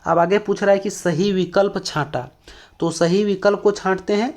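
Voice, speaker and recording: A man's voice: high-pitched, steady tone, moderate pace, darkish tone. Man teaching an exam-prep lesson. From Jharkhand, India. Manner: explains with many fillers and repeated questions.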